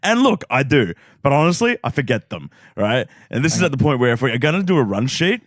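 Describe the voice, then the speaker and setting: A man's voice: mid-range voice, big pitch swings, brisk, no echo, clean studio sound. A young Australian man co-hosting a podcast, ranting in mock indignation with plenty of swearing. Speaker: podcast co-host. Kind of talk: casual chat.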